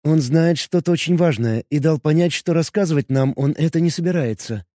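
A man voicing a slow, thoughtful young woman. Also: fairly high pitch, dark tone, dry recording, studio quality, pitched above the performer's own voice, lightly acted. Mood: pensive. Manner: slow, deliberate, pensive. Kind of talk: audiobook dialogue reading.

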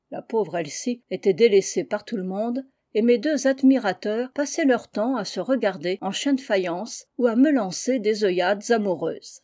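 A woman narrating a classic story as an audiobook reader. Her voice is mellow and warm, with a calm, measured way of telling the tale. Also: medium pitch.

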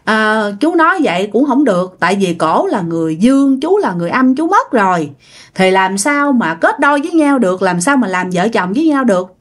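A woman with a Mekong Delta accent voicing an older male exorcist who speaks softly and pleads patiently. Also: on the high side, big pitch swings, a little fast. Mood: pleading. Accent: Southern Vietnamese (Mekong Delta).

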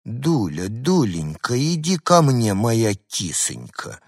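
A man's voice: mid-range voice, huge pitch swings, slow pace, no room sound, clean studio sound, heavily acted. A man voicing a doting middle-aged woman cooing over her pet dog in a storybook reading. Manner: cooing, sing-song.

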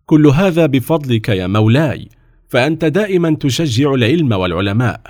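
A man voicing a calm, brilliant young scholar in a storybook reading, explaining politely and patiently. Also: mid-range voice, fairly quick, no echo, studio quality, voice pushed up, natural voice.

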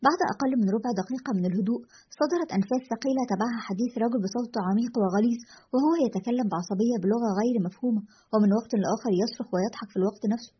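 A woman narrating a scripted story in a brisk, even storytelling manner. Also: a little high, slight background noise. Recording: dull lo-fi recording.

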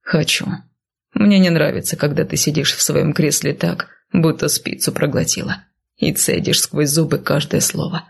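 Audiobook: woman doing a brash, teasing nobleman, hushed and smirking, gravelly and husky. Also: deep voice, steady tone, moderate pace, full character voice.

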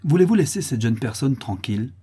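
Guy doing outraged farm lady, husky, scolding, audiobook. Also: medium pitch, big pitch swings, brisk, mellow, pitched above the performer's own voice. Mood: indignant. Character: indignant proud farm lady, mother.

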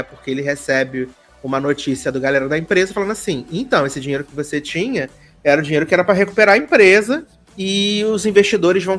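Animated Brazilian man retelling a film. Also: high voice. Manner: animated storyteller acting out dialogue voices. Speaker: podcast co-host. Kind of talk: casual chat, retelling a film plot.

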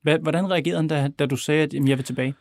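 A man hosting a news podcast, asking calm, measured questions and reading scripted narration. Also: on the high side, no room sound. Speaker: podcast host. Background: music.

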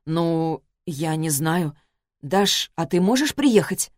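A woman's voice: on the low side, measured pace, dry recording, studio quality, natural voice. A woman reading a story voices an injured grown man, pleading and bewildered. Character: injured, desperate middle-aged man.

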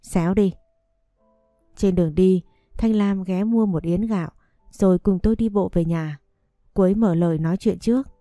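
A woman calmly narrating a story in the first person. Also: fairly low pitch, moderate pace, no echo, studio quality, soft background music.

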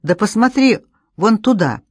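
A woman voicing an excited young woman who keeps urging her companion to look, exclaiming and insistent. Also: mid-range voice, a little slow, no room sound, studio quality, voice pushed up. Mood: urgent.

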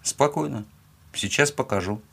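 A man's voice: medium pitch, normal speed, creaky, fairly bright tone, voice pushed up. A man voicing a ruthless young man who gives curt, clipped commands. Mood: cold.

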